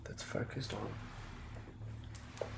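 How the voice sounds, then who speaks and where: Close to the mic, a man whispers an improvised ASMR narration as a game master. He murmurs haltingly, thinking aloud as he goes.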